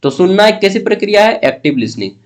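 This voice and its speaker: A young man giving an exam-prep lecture, explaining slowly and checking in often as he goes. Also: high voice, sing-song. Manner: explains slowly with Hindi-English mixing and frequent "theek hai". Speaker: teacher.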